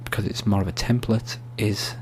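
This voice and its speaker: A soft-spoken man giving an ASMR-style screen tutorial, explaining steps in a hushed, unhurried, informal way. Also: lowish voice, steady tone. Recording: faint hum and background noise.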